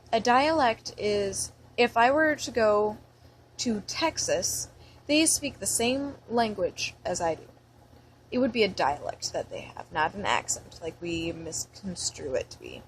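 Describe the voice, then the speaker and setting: A young American woman with a mid-range voice rambles chattily through a word list in a casual vlog, using lots of fillers. The recording is rough, with a little hiss or hum.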